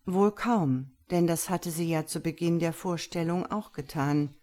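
Low-voiced woman narrating a story. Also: a little slow, warm tone. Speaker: audiobook narrator.

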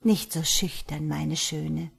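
Woman reader doing a raspy, domineering crone, low and husky, seductive menace. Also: steady tone, slow, exaggerated voice. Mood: impatient. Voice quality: rough, husky voice. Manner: murmuring and seductive, turning to shrieks. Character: lustful, vengeful witch-like crone woman.

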